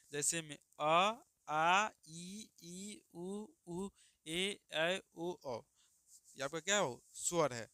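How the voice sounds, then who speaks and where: Male teacher, smooth and bright voice, drilling students by repeating questions. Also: on the high side, no room sound, clean studio sound. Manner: repeats questions and answers them himself, calls students "babu". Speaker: Hindi grammar teacher. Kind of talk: classroom lesson for students.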